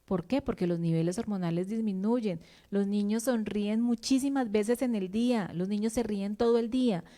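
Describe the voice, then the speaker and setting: Woman, psychologist, warm mellow tone, conversational explaining. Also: mid-range voice, moderate pace. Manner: conversational, explaining, addresses listeners directly. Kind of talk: talk on emotional health.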